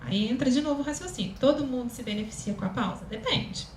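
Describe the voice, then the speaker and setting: A woman with a Brazilian Portuguese accent and a very high, thin voice gives a chatty talk as a communication consultant, with many fillers. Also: fast talker, a little mellow. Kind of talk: public talk to an audience. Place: event hall, live audience. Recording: echoey room, faint ambient noise.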